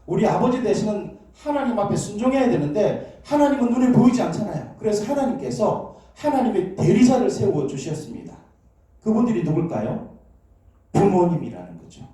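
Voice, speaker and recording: A pastor's high, mellow voice fills an echoey church sanctuary as he preaches, drawing the congregation in with questions and calls for amens in call-and-response style. A distant mic captured it.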